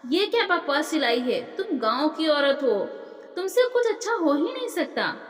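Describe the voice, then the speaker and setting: A woman's voice: sits high, very animated, normal speed, pitched above the performer's own voice. A woman voicing a harsh, abusive young husband who scolds with contempt. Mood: angry. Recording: roomy echo with long reverb.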